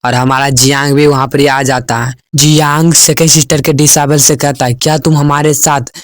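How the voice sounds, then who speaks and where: A man's voice: mid-range voice, flat delivery, normal speed, dry recording, studio quality. A man narrating a comic story recap in a storytelling voice and reading the characters' lines himself. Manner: reads all characters' quoted lines in his own voice.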